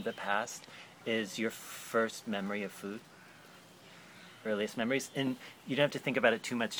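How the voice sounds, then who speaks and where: Low-voiced man explaining a project. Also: a bit bright, slight background noise. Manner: thoughtful, rambling explanations with fillers. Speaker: interviewer. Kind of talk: explaining a book project in an interview.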